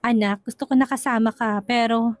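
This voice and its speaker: A woman voicing a gentle, remorseful dying father who softly pleads for forgiveness in an audio drama. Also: a little high, fairly even intonation, brisk, no echo, soft background music, natural voice. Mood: tender sorrow.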